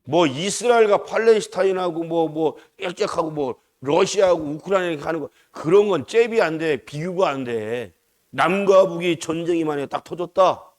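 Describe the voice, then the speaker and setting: A man's voice: a little high, a little mellow. Emphatic preaching pastor, man. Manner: emphatic, asks the congregation back for response. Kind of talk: dawn service sermon.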